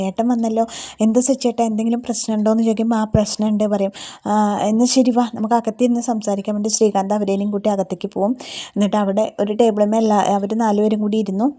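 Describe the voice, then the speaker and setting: A woman's voice: medium pitch, dark tone. A woman casually retelling a TV serial episode, voicing each character's lines in her own voice. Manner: informal and colloquial, with sound words and restarts. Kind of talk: casual storytelling recap of a TV serial.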